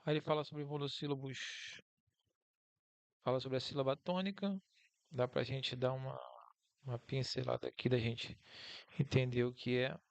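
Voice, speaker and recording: A man's voice: medium pitch, steady tone, moderate pace, vocal fry, pauses often, dry recording. A Brazilian man with a Brazilian Portuguese accent giving a casual, encouraging online lesson as a teacher, talking through slides.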